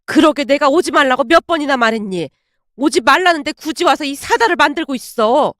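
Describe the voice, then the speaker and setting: A woman's voice: high-pitched, animated, dry recording, clean studio sound. A woman putting on a scolding older mother-in-law. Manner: scolding, then pleading and slow. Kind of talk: storybook drama reading.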